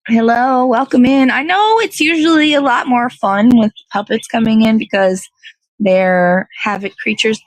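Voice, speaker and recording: She's the host of an online morning show, chatting loosely on a livestream outside in the cold and thinking out loud. Her voice sits a little high and moves a little slowly, with no room sound.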